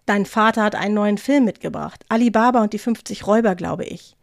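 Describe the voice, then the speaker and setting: A woman reading the lines of an excited, proud mother in a short story, insistent and eager. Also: mid-range voice, brisk, creaky, no room sound, clean studio sound, close to an everyday voice.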